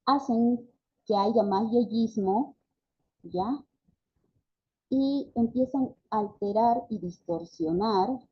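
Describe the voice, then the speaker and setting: A woman's voice: medium pitch, husky. A woman giving a speech therapy class, often correcting herself mid-phrase and checking in with tag questions. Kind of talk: online class lecture. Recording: dull lo-fi audio.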